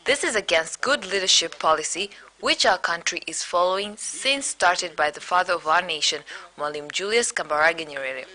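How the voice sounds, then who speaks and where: A woman with a bright, forceful voice that sits a little low, reading a translated news voice-over. Her delivery is measured and formal. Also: low-quality recording. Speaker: voice-over interpreter.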